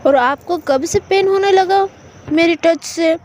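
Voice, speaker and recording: Brief: woman playing a young lover in an audio story, high, slow and mellow, apologetic and coaxing. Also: slight background noise. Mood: pleading. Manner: pleading, apologetic, affectionate. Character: young woman pleading with her upset girlfriend.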